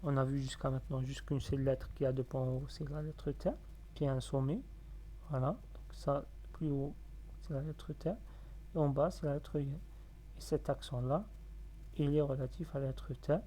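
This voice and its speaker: A man teaching a reading lesson step by step. He is patient, sounding out syllables slowly and repeating them. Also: medium pitch, fairly even intonation, mellow, a little hiss or hum.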